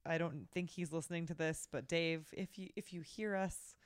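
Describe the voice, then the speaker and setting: A woman's voice: on the low side, moderate pace, clear, resonant tone, no echo. Laid-back woman podcast host, close dry mic. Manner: laughs often, relaxed and affectionate. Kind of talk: casual chat.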